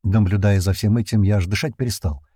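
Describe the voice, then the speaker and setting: Man narrating with a dark, low voice. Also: fast, breathy edge, dry recording, studio quality. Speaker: audiobook narrator. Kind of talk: first-person audiobook narration.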